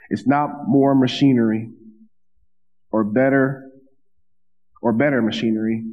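A man in his thirties preaching a sermon from a church pulpit, talking conversationally with asides and repeated phrases. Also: medium pitch. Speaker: pastor. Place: church stage at a wooden pulpit. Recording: dull sound with long hall reverb.

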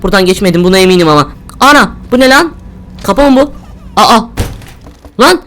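A woman's voice: mid-range voice, animated, brisk, fairly bright tone. A young woman giving jumpy, exclaiming commentary on a horror game, talking to herself as she plays. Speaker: game streamer.

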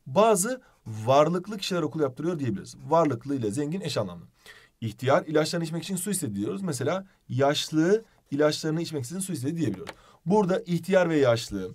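A male teacher runs a video lesson in a playful, animated way, asking questions as he goes. His voice sits fairly high and moves a lot in pitch.

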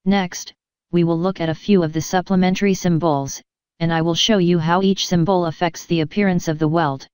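In a smooth, lowish voice, a female instructor reads scripted narration, walking through technical material step by step at a measured, even pace. The recording is dry.

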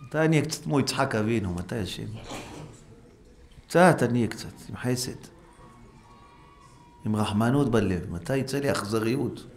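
In a synagogue hall, a rabbi gives an animated Torah lesson, exhorting listeners with repeated rhetorical questions and often pausing. He acts out quoted voices with sharp pitch jumps, and the live stream carries faint background noise.

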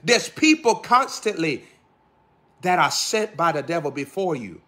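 A man a sermon in a fairly high, bright and forceful voice. He builds his points through rhythmic repetition, firing question after question at his listeners. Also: big pitch swings, unhurried. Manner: preaching with rhythmic repeated phrases and pointed questions. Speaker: preacher.

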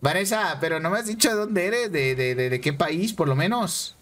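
A Mexican man streaming a game, chatting excitably with viewers and repeating himself. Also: high voice, moderate pace. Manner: excitable, repeats phrases, banters with chat. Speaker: gaming streamer. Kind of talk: casual live-stream chat over gameplay.

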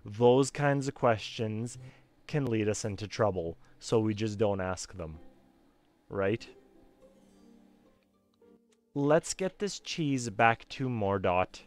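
A man's voice: lowish voice, animated, slow, long pauses, soft background music. A man in casual, joking commentary while playing a story-driven game, laid-back and swearing casually. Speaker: player and streamer.

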